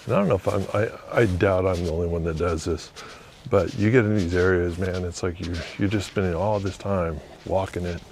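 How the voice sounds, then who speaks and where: A man vlogging as he walks outdoors beside a river under an old bridge, musing quietly and thinking aloud with fillers. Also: sits low, fairly even intonation, a little fast, vocal fry, a little hiss or hum. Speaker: vlogger exploring historic sites. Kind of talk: casual walking narration.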